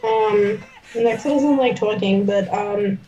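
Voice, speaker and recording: A woman's voice: a little high, very animated, slow pace, dark tone, slight background noise. A woman chatting casually as a player in a tabletop game, on a slightly muffled mic.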